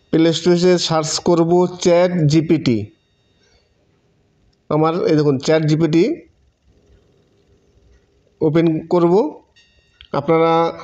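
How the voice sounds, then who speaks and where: A Bengali tutorial presenter whose voice is on the high side and warm in tone gives step-by-step narration, repeating instructions as he goes. The recording is a dull, muffled lo-fi voice-over.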